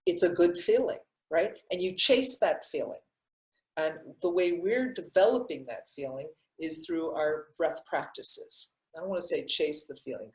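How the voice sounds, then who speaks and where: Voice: mid-range voice, a little mellow, reverberant, low-quality recording. A breathwork teacher explaining science casually with many restarts, then guiding a class through breathing exercises.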